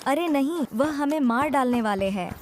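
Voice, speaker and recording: A woman's voice: sits high, animated, moderate pace, slight background noise. A woman voicing a determined, protective teenage girl in a game dub, urgent and emotional. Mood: desperate urgent. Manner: urgent, emotional, often shouting.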